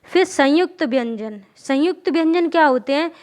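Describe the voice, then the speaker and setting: A young woman with a high, slightly mellow voice and lively intonation explains a Hindi grammar lesson at normal speed. She repeats examples and often asks the class questions to make sure they're following.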